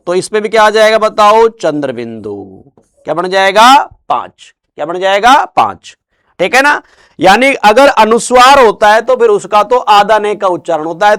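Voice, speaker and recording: The speaker is a man delivering a Hindi grammar lecture in class, his tone clear and resonant. He uses call-and-response, asking questions and then answering them more quietly and in a lower voice, while slowly drawing out words he wants to stress.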